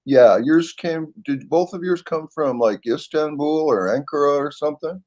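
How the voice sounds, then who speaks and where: A man's voice: on the high side, moderate pace, a little mellow, dull audio. A middle-aged man, chatting casually and apologetically on a webcam call. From Canada. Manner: rambling, apologetic. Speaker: livestream host. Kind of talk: casual chat.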